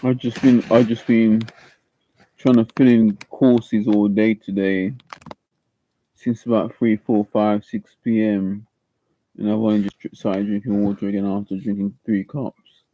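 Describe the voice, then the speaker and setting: His voice is on the low side and warm, with little pitch movement and a slightly slow pace, captured in a dry, poor-quality recording. He's a man with a slight Jamaican accent, seated at home on a casual live stream, reading instructions aloud for an acting audition and often restarting and repeating his words.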